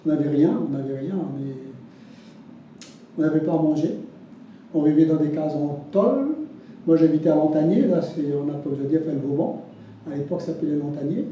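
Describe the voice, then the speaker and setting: A man in his seventies from Réunion, with a Réunionese French accent and a slightly high voice, tells his life story as spoken testimony. He speaks haltingly, repeating words, restarting often and using many fillers. The distant mic gives a roomy, dull, lo-fi sound with slight background noise.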